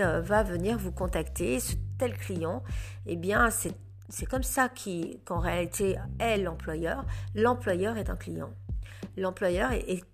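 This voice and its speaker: Honking, congested woman with a head cold. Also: mid-range voice. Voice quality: honking, duck-like, congested nasal voice. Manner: halting, searching for words. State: stuffed up with a cold. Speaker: podcast host giving career advice. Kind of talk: informal podcast monologue.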